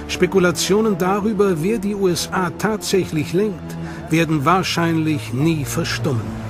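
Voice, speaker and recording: A man narrating a documentary delivers his script in a measured, dramatic storytelling style. His voice sits fairly high for a male, and background music is clearly audible beneath him.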